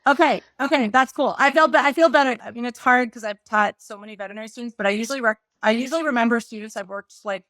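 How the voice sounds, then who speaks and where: A woman hosting a podcast interview, chatty and lively, thinking aloud with quick restarts. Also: a little high, no echo, studio quality. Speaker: podcast host. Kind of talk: casual interview chat.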